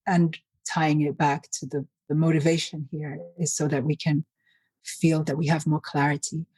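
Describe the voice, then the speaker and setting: A woman from Finland who grew up in Nigeria, speaking as a guest author in thoughtful, measured interview talk. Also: low-pitched, darkish tone, husky, dry recording. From Finland, raised in Nigeria. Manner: thoughtful, measured, with some restarts.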